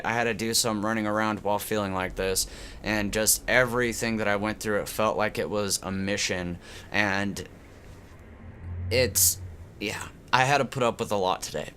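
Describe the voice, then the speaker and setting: A congested man with a cold, his voice low-leaning, pushed, and bright, sounds like he's talking through a tube while casually commentating on gameplay for his channel. He rambles, restarting often and filling gaps, with a little hiss or hum in the audio.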